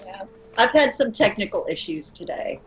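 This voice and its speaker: A woman's voice: medium pitch, lively intonation, moderate pace, low-quality recording. A woman in her sixties chatting casually on a live stream over a video call, giving brief, easygoing replies. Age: 60s. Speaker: stream guest. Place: home room, indoors.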